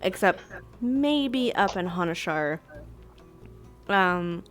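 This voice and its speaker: A woman's voice: lowish voice, expressive, extremely slow, soft background music. A woman player in a tabletop game, chatting loosely over a voice call with lots of fillers. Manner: loose and rambling, heavy on fillers. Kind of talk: casual chat during a tabletop game.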